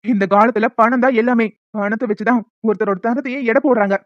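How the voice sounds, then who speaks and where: A woman's voice: fairly high pitch, steady tone, brisk, no room sound, natural voice. A woman voicing a greedy middle-aged father in a cartoon who lectures dismissively about money, in a dry, dull lo-fi recording. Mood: scheming. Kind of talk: amateur cartoon voice acting.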